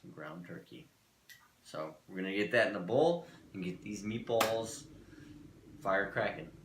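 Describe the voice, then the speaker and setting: Cooking show guy, real low voice, dry jokey, talking a recipe thru, echoey kitchen. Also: unhurried, slight background noise. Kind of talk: casual cooking demo chat. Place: kitchen studio.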